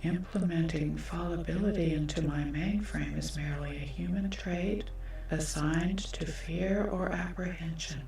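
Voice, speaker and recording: A superior, all-knowing female android acted by a woman in an ASMR role-play. The voice is low and very slow, with robotic, measured phrasing. It sounds distant in a long echo. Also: steady tone, gravelly, darkish tone, soft background music. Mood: cold, measured. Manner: robotic android delivery, measured, formal, detached. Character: omnipotent female android AI from the future, cold, superior.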